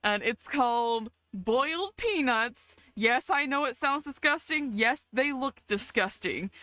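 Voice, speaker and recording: A giggly, chatty woman from the talks in an unhurried, drawn-out way. Her voice sits a little high and rings bright. The sound is close and dry, with no room behind it. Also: no echo. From American South. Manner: giggly, chatty, easily excited. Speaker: streamer. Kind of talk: casual chat with live chat.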